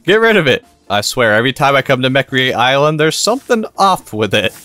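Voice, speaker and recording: Animated, upbeat man gaming commentary. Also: mid-range voice, a little fast, no room sound. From Kentucky. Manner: upbeat and jokey, laughing often. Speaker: gaming YouTuber. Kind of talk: gameplay commentary.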